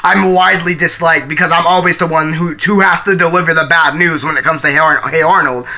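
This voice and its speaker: A man's voice: on the high side, steady tone, brisk, pushed and bright. A young man streaming live and chatting casually, rambling with restarts and some swearing.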